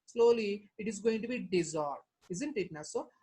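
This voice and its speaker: A woman teacher with a South Indian, Telangana accent lectures for an online class at a middling pitch. She works through her points repetitively, posing rhetorical questions and tacking small tags onto her sentences. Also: expressive, normal speed, dark tone. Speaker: chemistry teacher. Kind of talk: online exam-prep lecture.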